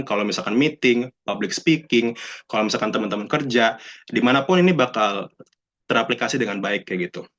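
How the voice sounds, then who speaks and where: A man's voice: medium pitch, fairly bright tone. A young man speaks in a mid-range voice, talking casually to a room of students. He keeps it chatty, slips into English phrases and acts out the people he quotes. The recording sounds dull and lo-fi. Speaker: alumnus speaker.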